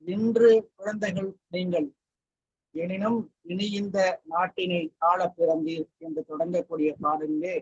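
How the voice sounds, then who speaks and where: A man with a high voice speaks in a slow, oratorical way. He is heard over a bad internet connection, so the low-bandwidth video call audio sounds muffled and keeps breaking up. The sound is dry and close, with no room echo. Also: steady tone, husky. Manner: measured, oratorical delivery. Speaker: guest speaker at an online event. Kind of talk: formal commemorative speech.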